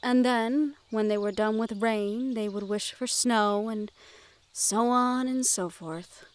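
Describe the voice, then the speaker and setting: A woman with a slightly high voice plays a gentle, well-bred young noblewoman in a fantasy audio roleplay. Serene and thoughtful, she addresses the listener directly in polite, measured phrases.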